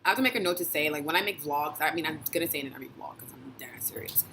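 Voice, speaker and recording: A woman's voice: sits low, lively intonation, rapid-fire, sharp tone, slight background noise, rough recording. A young woman from Brooklyn, giving a passionate, blunt vlog monologue with swearing and frequent laughs. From Brooklyn, New York. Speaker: vlogger and dating blogger. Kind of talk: casual opinion monologue.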